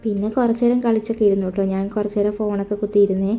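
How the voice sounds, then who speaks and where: A woman's voice: medium pitch, fairly even intonation, rapid-fire, mellow, soft background music. A young woman from Kerala, a stay-at-home mother, chatting casually over her daily routine, homely and friendly. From Kerala, India. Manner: chatty, homely, with frequent friendly tag words.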